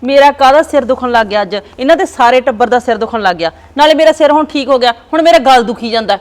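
A woman's voice: high voice, quick pace, close to an everyday voice. A woman playing a sulky daughter-in-law who complains about her husband and his mother. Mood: complaining. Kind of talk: village comedy drama.

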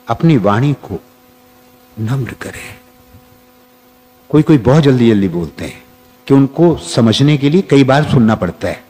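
A man giving a spiritual discourse as a teacher, speaking deliberately with long pauses. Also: medium pitch, mellow.

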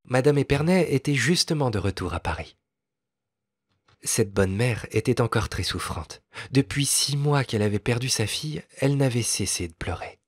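A man narrating a classic fairy tale as an audiobook, with a measured, expressive reading. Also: medium pitch, breathy edge, no echo, clean studio sound. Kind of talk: storybook narration.

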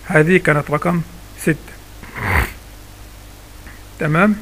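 A man's voice: fairly high pitch, fairly even intonation, slow pace, fairly bright tone. A man with an Egyptian accent teaching a recitation lesson in a casual spoken style. He asks himself questions and then answers them step by step. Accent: Egyptian Arabic.

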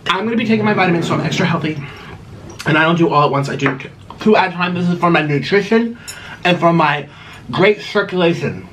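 High, whiny bickering man over dishes. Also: fast talker, fairly bright tone. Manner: shushing, whiny, defensive. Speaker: vlog host. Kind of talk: casual bickering mukbang vlog. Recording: noisy with dish and cutlery clatter.

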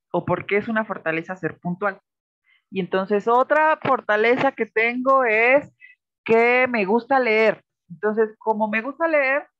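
A woman's voice: on the high side, no room sound, dull audio. A woman teacher with a Mexican accent giving patient, explanatory feedback in an online class, often checking that the students follow. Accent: Mexican Spanish.

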